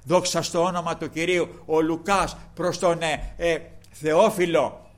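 His voice on the high side with little pitch movement, an older man preaches passionately to his flock. Refrains of praise punctuate his words, and he draws out certain passages slowly for emphasis.

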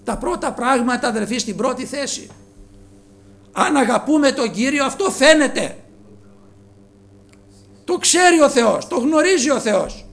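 High-voiced man preaching a sermon. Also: animated, creaky, long pauses. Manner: earnest, addresses listeners as brothers, swings between soft and raised.

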